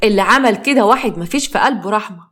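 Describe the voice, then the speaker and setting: A woman's voice: medium pitch, animated, very fast, fairly bright tone. A woman voicing a poor village father pleading with his creditors, in an Egyptian accent. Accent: Egyptian Arabic. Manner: pleading, anguished. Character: desperate poor middle-aged village father.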